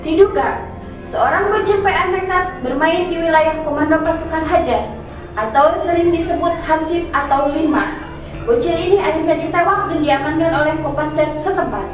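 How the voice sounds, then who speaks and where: A woman's voice: high-pitched, normal speed. A woman doing a news anchor parody, reading silly items in formal bulletin style. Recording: very echoey, distant, loud music behind. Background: music.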